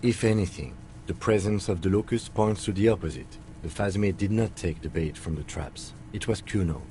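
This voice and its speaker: A man plays a composed police lieutenant from a video game, speaking in a low, warm voice with dry, deadpan wit. He stays measured and calm throughout, with faint noise in the background. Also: close to an everyday voice.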